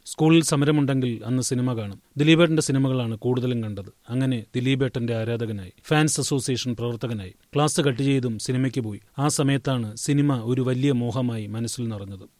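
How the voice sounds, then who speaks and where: A man giving a steady, measured read-aloud of a newspaper feature interview. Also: medium pitch, no room sound, clean studio sound. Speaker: newspaper article reader.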